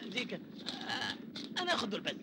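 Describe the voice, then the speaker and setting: An actor playing an anxious, loyal young friend with an Egyptian accent in a classic film. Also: male voice, high-pitched, wildly swooping pitch, very fast. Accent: Egyptian Arabic. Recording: noisy distant film soundtrack.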